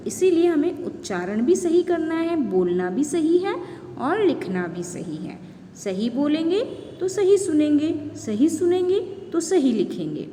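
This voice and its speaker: Slow, lively-voiced woman teacher explaining to children. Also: high-pitched. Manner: repeats tag questions to check understanding; addresses young children directly. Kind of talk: slow explanatory classroom lesson. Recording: long reverb, faint background noise.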